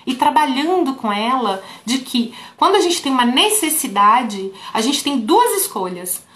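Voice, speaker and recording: In a roomy, echoey space, a woman therapist coaches fellow therapists through a patient's story in a relaxed, chatty style. Her voice is slightly high and a little slow, and she often speaks straight to her viewers, calling them "folks."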